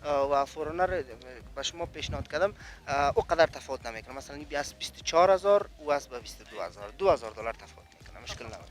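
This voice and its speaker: A man with an Afghan accent speaks in a slightly high voice. He talks like a car dealer, in casual, conversational sales patter. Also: lively intonation.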